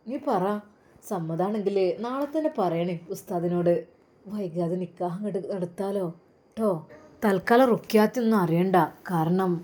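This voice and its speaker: A woman's voice: mid-range voice, warm tone, natural voice. A woman voicing a kind, coaxing older mother in a dramatized story reading, speaking with a Malappuram Malayalam accent in a soothing, chatty way.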